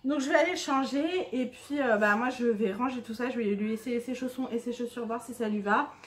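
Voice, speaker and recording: A woman's voice: on the high side, brisk, husky. A young woman chatting casually at home as a vlogger, full of fillers and asides. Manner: chatty, many fillers, drops to a hushed murmur in the evening. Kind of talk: casual chat.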